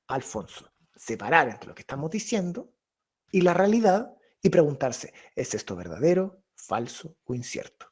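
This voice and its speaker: A man's voice: high-pitched, husky. Young guy leading a reading club chat, lots of restarts, does little mocking voices for quotes. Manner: acts out inner voices and quoted remarks in lively mock tones; thinks aloud with frequent restarts and hesitations. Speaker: discussion leader. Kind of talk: informal philosophy talk to a reading club.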